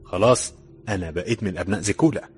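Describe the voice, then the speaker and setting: A man's voice: low-pitched, very fast, a little mellow, faint music behind, natural voice. A man voicing a confident, teasing young laborer who slips into an Egyptian accent. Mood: laughing. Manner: cheerful, teasing.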